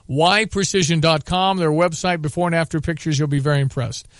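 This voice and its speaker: A man's voice: a little high, fairly even intonation, fairly quick, dry recording, clean studio sound. A man hosting local sports radio, doing live ad reads and announcements.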